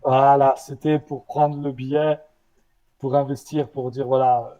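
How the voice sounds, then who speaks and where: Man, founder guest, warm mellow tone, slight stutter, halting restarts. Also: mid-range voice, little pitch movement, lo-fi sound. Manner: halting, with restarts and repeated words. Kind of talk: casual interview answers.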